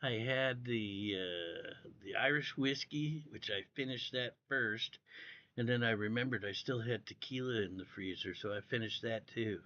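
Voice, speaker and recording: A man's voice: mid-range voice, normal speed, sharp tone, lo-fi sound, slight background noise. A man with no upper teeth and slack articulation, chatting casually and profanely as he rambles to his livestream. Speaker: livestream host.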